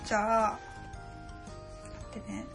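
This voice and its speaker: A woman co-hosting a podcast, chatting casually and excitedly while playing a memory card game, often breaking into loud laughter. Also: medium pitch, slow pace, vocal fry. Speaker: podcast co-host. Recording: music playing behind the talk.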